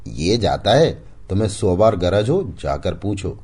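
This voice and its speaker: A man voicing a sharp-tongued young village wife with a taunting, biting manner. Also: low-pitched, sing-song, measured pace, husky, pitched above the performer's own voice, full character voice.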